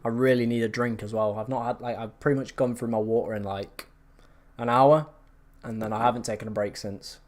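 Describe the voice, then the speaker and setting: A man hosts a live stream, chatting casually and responding to viewer comments. His medium-pitched voice is steady and a little fast, slightly hoarse after hours of talking.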